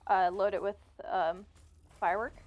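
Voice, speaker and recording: A woman streaming a video game, chatting casually and calling out loudly and excitedly as she plays. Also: medium pitch, normal speed. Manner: excited, loud callouts while playing. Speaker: streamer and channel host. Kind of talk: casual gaming stream chat.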